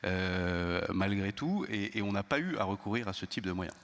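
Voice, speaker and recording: A man speaking on a conference round-table panel, measured and hesitant, with frequent pauses and restarts. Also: on the low side, animated, a bit bright. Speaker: intelligence service panelist. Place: conference hall. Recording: long hall reverb.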